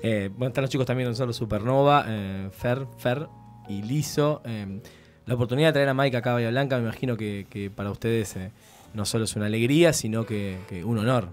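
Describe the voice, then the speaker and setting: A man's voice: medium pitch, fairly quick. Argentine man hosting over faint music. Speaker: radio host. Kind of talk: casual interview. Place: small padded radio studio. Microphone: close studio microphone with headset. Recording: faint guitar music behind.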